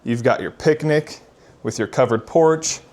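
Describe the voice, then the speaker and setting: A man's voice: mid-range voice, measured pace, darkish tone. A man working as a real estate agent gives a casual walk-through home tour in an upbeat, enthusiastic manner.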